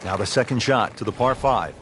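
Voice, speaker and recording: A man working as a golf play-by-play commentator, calling shots in short, measured phrases. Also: mid-range voice, noisy background, natural voice. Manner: addresses his co-commentator by name, short measured calls.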